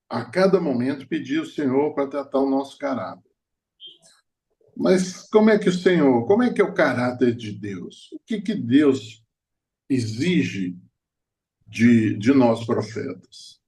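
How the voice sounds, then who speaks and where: Male preacher, middle-aged, storytelling sermon, halting restarts, mid pitch. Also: darkish tone. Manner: storytelling, hesitant restarts, laughing at own stories. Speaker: prophet preacher.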